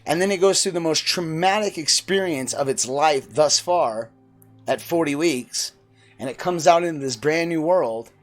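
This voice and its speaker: A man in his forties lectures bluntly, swearing freely as he drives his point home. His voice sits a little high for a man. Faint music plays softly under him. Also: moderate pace. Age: 40s. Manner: blunt, profane, preachy. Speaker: vlogger. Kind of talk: opinionated monologue.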